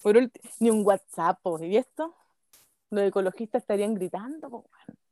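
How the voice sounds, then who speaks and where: A Chilean woman co-hosting a podcast, telling a story in casual, slangy, lively chat and breaking into laughs and shouts. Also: mid-range voice, normal speed, dry recording, clean studio sound. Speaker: podcast co-host.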